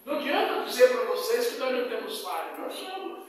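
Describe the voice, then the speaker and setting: A man's voice: very high-pitched, very animated, fairly quick, faint music behind. A male pastor preaching a sermon with emphatic, repeating phrases and personal testimony. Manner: tells personal testimony with quoted dialogue. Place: church hall. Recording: echoey hall recorded from far off.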